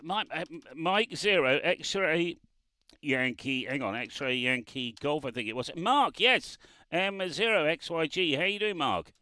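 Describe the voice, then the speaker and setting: Speaking from a roadside parked car on a remote radio, this male ham operator keeps the chat casual, laughs a lot, and spells out call signs. He has a fairly high, expressive voice with a sharp tone, talks a little slowly, and the audio carries no room sound.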